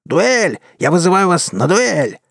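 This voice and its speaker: A man voicing a brash, hot-headed young man who shouts indignantly in an audiobook. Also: medium pitch, big pitch swings, moderate pace, breathy edge, no room sound, clean studio sound, pitched above the performer's own voice. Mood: furious. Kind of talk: audiobook character voice.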